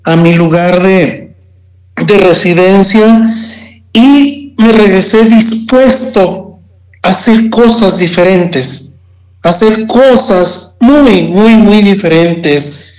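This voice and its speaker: Speaking as an interview guest, a Mexican man tells his personal story slowly and haltingly, repeating words as he goes. His voice is high and slightly mellow, and the audio quality is poor.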